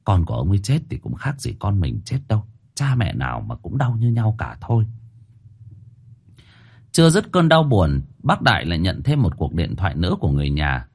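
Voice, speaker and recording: A man narrating a dramatic story in an expressive, emotional way. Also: on the low side, a little fast, gravelly, husky.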